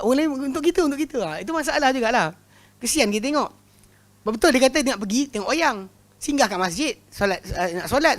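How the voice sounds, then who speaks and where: A man with a Malaysian Malay accent teaching a religious class, telling lively anecdotes, often laughing and repeating words. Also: very high-pitched. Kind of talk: lecture with humorous anecdotes.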